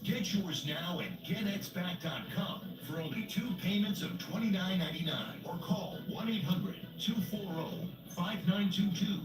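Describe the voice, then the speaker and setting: A man's voice: normal speed, few pauses. A man reading a scripted hard-sell ad voice-over as an emphatic commercial announcer. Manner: emphatic sales pitch. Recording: roomy distant TV playback over loud music.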